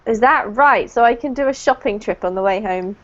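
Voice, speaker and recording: High-voiced British woman teaching online. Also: a little fast, lo-fi sound. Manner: friendly, laughs often, talks over students. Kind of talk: casual online class chat. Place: lives in New Zealand.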